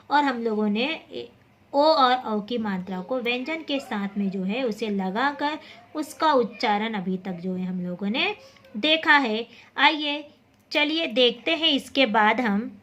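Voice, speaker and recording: Woman teacher, high-pitched, slow and deliberate, patient reading drill, corrects herself with a quick apology. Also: a bit bright. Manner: patient, repeats each syllable aloud; corrects her own slips with quick apologies.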